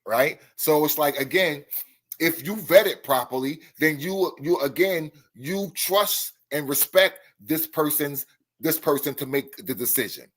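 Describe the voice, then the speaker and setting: Male stream host, husky and a bit high-pitched, emphatic and repetitive. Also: measured pace, fairly bright tone. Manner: emphatic, repeats words. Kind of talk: casual live-stream chat.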